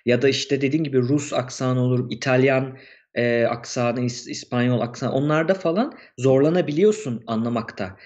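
A man's voice: mid-range voice, brisk, a little mellow, highs cut off. A man co-hosting a casual podcast, chatting loosely and reading out viewer messages. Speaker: co-host.

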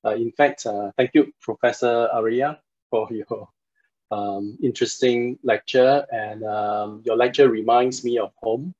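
A Singaporean man in his forties gives an online university lecture, polite and hesitant with many fillers. Heard through a computer mic on a video call, the audio is dull and lo-fi. His voice is medium in pitch, a little mellow, with fairly even intonation and a slightly slow pace.

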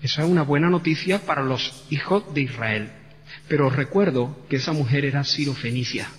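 A man's voice: medium pitch, fairly quick. A man pastor from Spain with a Spain Spanish accent, preaching a passionate, dramatic sermon in a church. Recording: church hall reverb with faint hum.

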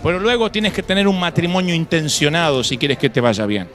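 A man with a high-pitched voice preaches a live sermon to his congregation. He speaks emphatically and breaks the tension with humorous asides and acted quotes. A faint bed of music plays underneath. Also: fairly quick, a bit bright. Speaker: pastor. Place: church before a congregation.

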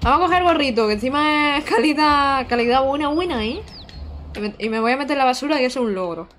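Excitable young woman streamer. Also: sits high, quick pace, slight background noise. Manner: excitable, chatty, with frequent squeals and giggles. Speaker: streamer playing a video game. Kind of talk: casual live-stream gameplay chat.

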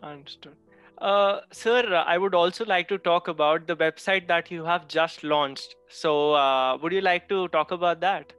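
A young man with an Indian accent and a high, smooth, clear voice asks polite interview questions. He speaks into a headset on a video call, with faint guitar music underneath. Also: unhurried, a bit bright, dry recording. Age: young adult. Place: plain room indoors.

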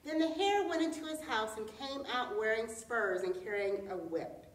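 Brief: woman storyteller, dramatic and high-ish voice, recorded far off in a roomy space. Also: normal speed. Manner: expressive, dramatic. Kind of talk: folktale storytelling. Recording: echoey room, distant mic.

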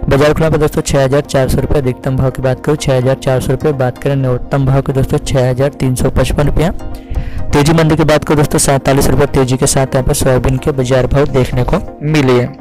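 A man from India hosts a farm market report, rapidly and repetitively reading commodity prices from a script. His mid-range voice is level and darkish, with faint music behind it and a rough recording.

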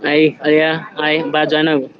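A man's voice: fairly high pitch, completely flat delivery, a little fast, dull audio, noisy background. A man hosting a casual live stream. He thanks viewers by name over and over and invites them to join the chat.

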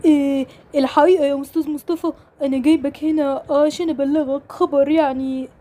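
A woman plays a solemn, hesitant Egyptian male nurse in a game drama. The voice is high and mellow, and it moves along quickly. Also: steady tone, natural voice. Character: hospital male nurse delivering bad news.

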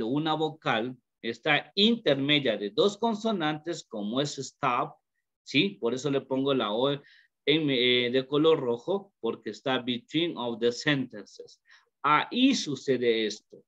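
Hombre profesor de inglés, habla lento. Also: male voice, medium pitch, a bit bright. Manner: slow, repeats questions to students, mixes English into Spanish. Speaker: English teacher. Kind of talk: online class lesson. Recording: dull lo-fi call audio.

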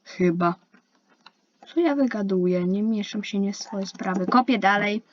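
Speaking at a measured pace in a medium-pitched voice, this young female gaming YouTuber keeps up chatty commentary during an online match. She grumbles, mutters to herself, and addresses fellow players, all captured through a dull lo-fi mic with slight hiss.

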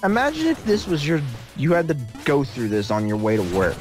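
A man's voice: on the high side, wildly swooping pitch, a little fast, over music. A man co-commentating on a let's play, joking and reacting casually to the game.

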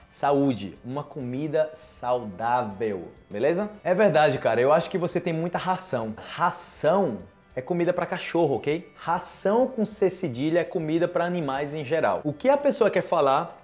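Higher-voiced Brazilian man teaching, emphatic. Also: faint music behind. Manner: animated, emphatic, repeats key words slowly, frequent check-in tags. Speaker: Portuguese teacher. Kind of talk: informal language lesson to camera. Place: furnished living room, indoors. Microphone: clip-on lapel mic.

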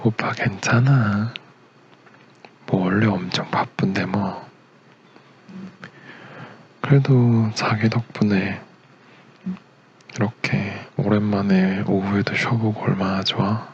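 A young man acting as a gentle, doting boyfriend in a romantic ASMR role-play, a tender leading man with a soothing, murmured, partly whispered delivery. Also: on the low side, steady tone, slow pace, pauses often, muffled recording, slight background noise. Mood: soft, content. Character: doting, gentle young boyfriend caring for his sick girlfriend.

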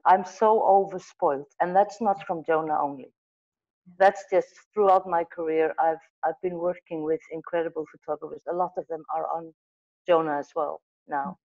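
A lowish female voice with lo-fi sound belongs to a middle-aged Icelandic magazine editor on a video call using an earbud mic. In front of a wall of photos, she spins stories with lively gestures, frequently restarting sentences and correcting herself.

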